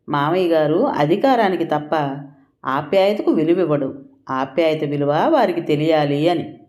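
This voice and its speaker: A woman reading the part of an older village landlord who speaks in an unhurried, reflective way. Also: fairly low pitch, a little mellow, natural voice.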